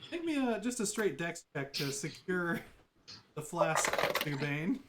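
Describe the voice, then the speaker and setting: A man running a tabletop game as dungeon master, making quick casual rules calls. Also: fairly high pitch, big pitch swings, heavy background noise.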